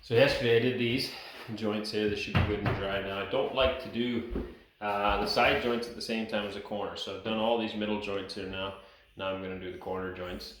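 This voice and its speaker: A homesteader vlogger chats casually to a handheld camera while walking around his farm outdoors and then into his house. His lowish voice is brisk with fairly even intonation, the background is noisy, and he rambles with lots of "uh" fillers.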